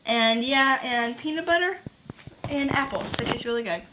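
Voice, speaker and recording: Hyper high-voiced teen girl vlogging. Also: moderate pace, sharp tone. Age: teens. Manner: hyper, giggly and rambling. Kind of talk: casual chat to camera. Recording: noisy webcam recording.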